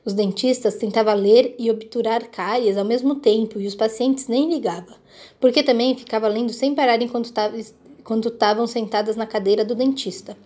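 Woman, storybook reading, expressive, fairly high, mellow voice. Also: fairly quick. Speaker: reader. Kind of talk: reading a children's book aloud.

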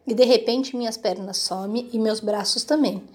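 A woman reading a children's book aloud in a lively, expressive way. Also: on the high side, moderate pace. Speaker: reader.

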